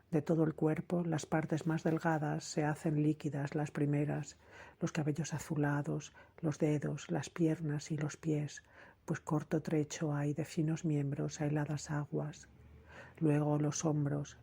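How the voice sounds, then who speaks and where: A woman reading a classical myth aloud as audiobook narration, in a steady, measured way. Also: low-pitched, vocal fry, slightly rough. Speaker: audiobook reader.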